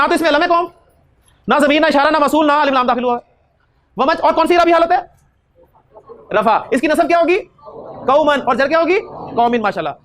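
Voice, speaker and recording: A man teaching Arabic grammar in a classroom lecture, quizzing his students and slowly repeating key terms. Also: very high-pitched, fairly bright tone. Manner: questions students and drills answers back.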